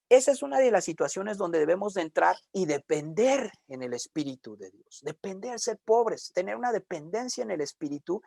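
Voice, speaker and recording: A man's voice: high voice, creaky, a little mellow, no room sound, studio quality. A man with a Mexican Spanish accent preaching a sermon in a conversational way, with joking asides.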